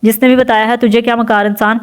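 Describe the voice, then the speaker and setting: A woman's voice: on the high side, flat delivery, smooth, natural voice. A woman voicing a wronged young village wife. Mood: accusing. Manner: pleading, accusing.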